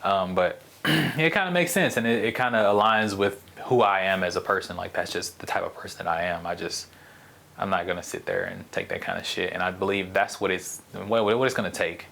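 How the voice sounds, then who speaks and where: A podcast host with a low, creaky, sharp voice talks a little fast in a casual solo show. His delivery is crude and blunt, full of rambling and frequent restarts.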